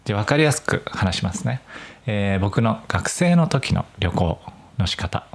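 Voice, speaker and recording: A man's voice: fairly low pitch, moderate pace. A young man from Nagoya, Japan, hosting a solo podcast for language learners. He speaks mostly standard Japanese with slight Nagoya touches, in a careful, chatty way. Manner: clear, careful explaining with a relaxed, chatty tone. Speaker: podcast host.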